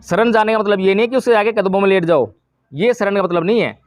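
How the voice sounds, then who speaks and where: A man's voice: high-pitched, quick pace, no room sound, clean studio sound. A man teaching a group about Buddhist practice, explaining patiently and putting questions to his listeners. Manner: explanatory, asks the audience questions. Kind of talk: Dharma talk to a group.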